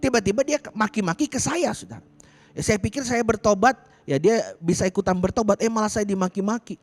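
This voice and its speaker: A man's voice: sits high, a little fast. A male pastor preaching a sermon, telling personal stories and constantly addressing his listeners directly. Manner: lively storytelling, addresses listeners as "saudara" constantly. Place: church worship service streamed online.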